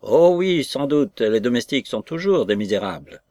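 A man's voice: medium pitch, sing-song, normal speed, a little mellow, no echo, close to an everyday voice. A man reading aloud and voicing a chattering, indignant lady's maid in a raised, prattling voice. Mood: indignant gossip.

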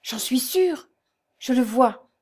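A woman's voice: high-pitched, expressive, slow pace, darkish tone, voice pushed up, heavily acted. A woman voicing a frightened young woman. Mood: urgent. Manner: breathless, fearful, insistent. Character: anxious young woman, the devil's daughter.

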